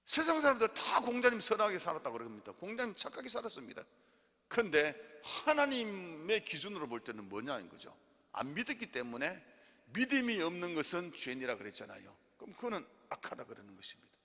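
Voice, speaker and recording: A man's voice: sits high, huge pitch swings, a little fast, pushed and bright. A middle-aged male pastor teaches a lay theology class and has listeners repeat after him. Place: church hall. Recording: reverberant church hall.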